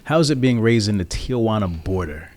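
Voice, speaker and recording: A man's voice: lowish voice, animated, fairly quick, darkish tone. Upbeat man hosting a chat show. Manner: upbeat, hype-style address to fans. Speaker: podcast host. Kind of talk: casual interview chat.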